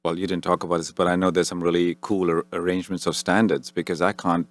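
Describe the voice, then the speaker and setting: A man with a very deep voice leads an interview with a relaxed, friendly manner. The sound is dry and close, with no room in it. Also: fast talker, no room sound, faint music behind. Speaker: radio host. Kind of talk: interview hosting.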